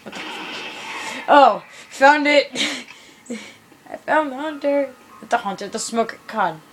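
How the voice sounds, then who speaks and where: A young woman casually commentating a video game, hyper and laughing often, squealing into high pitches. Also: slow, soft background music, low-quality recording. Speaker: gameplay commentator. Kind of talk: casual let's-play commentary. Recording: background noise.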